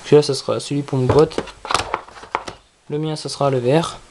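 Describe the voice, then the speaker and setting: A product reviewer talking casually through an unboxing in a halting, repetitive way. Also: mid-range voice, steady tone, darkish tone. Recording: clearly noisy with handling clicks.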